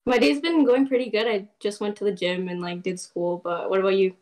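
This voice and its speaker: A woman's voice: medium pitch, steady tone, fairly quick, darkish tone. A young woman from Canada, chatting and teasing playfully on a video-call date. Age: young adult. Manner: chatty, teasing, laughs easily. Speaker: dating show contestant. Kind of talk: casual chat on a video call. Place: bedroom, indoors.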